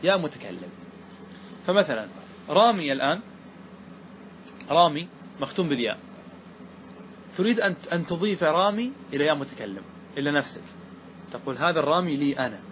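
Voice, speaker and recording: A man teaching grammar, asking the class questions and slowing down to stress key words. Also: a little high, big pitch swings, a bit bright, slight background noise. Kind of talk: classroom lesson explaining verse.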